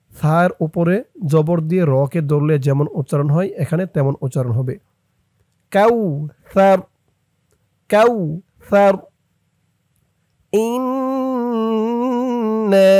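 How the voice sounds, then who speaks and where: Man, Quran teacher, melodic drawn-out recitation, dry close sound. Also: a little high, mellow, dry recording. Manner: drawn-out melodic chanting on the verses, quick plain explanations between. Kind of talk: slow tajweed lesson with spelled-out letters and recitation.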